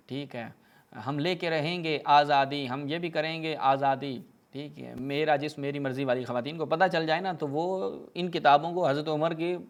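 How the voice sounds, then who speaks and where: Sarcastic preacher, a man with a slightly high voice, reading texts with mocking asides. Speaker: religious speaker. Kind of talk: polemical lecture reading from books.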